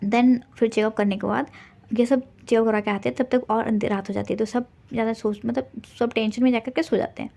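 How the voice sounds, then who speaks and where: A young woman with a somewhat high, gravelly voice tells a drama plot in a relaxed, rambling way. Her tone is dark and mellow, and she stumbles, restarts and fills gaps as she goes. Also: a little fast. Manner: rambling retelling, many restarts and fillers, quotes characters flatly. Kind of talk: casual storytelling retelling a drama.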